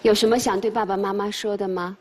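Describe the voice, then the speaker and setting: A woman serving as a judge on a TV challenge show, interviewing gently and coaxing children in a soft, soothing way on a large studio stage. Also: mid-range voice, fairly even intonation, fast, a little hiss or hum. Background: music.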